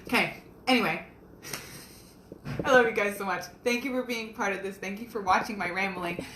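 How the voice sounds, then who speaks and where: A woman's voice: medium pitch, normal speed, reverberant, noisy background. A young woman, a self-published romance author, chatting casually and earnestly on a live video from her kitchen. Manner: chatty, rambling, earnest and upbeat. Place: home kitchen.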